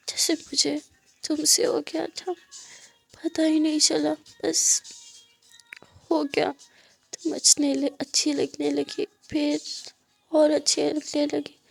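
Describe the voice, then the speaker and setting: Woman playing a tipsy heartbroken teacher, stammering, wistful, soft, gravelly high voice. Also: exaggerated voice. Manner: stammering, repeats words, trails off softly.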